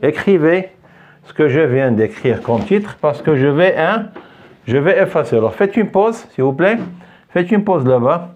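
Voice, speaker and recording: A man's voice: fairly high pitch, big pitch swings, a little slow, a little mellow, lo-fi sound. A man teaching a French lesson in a classroom, patiently repeating phrases for his students to echo back. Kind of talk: classroom lesson with call-and-response drilling.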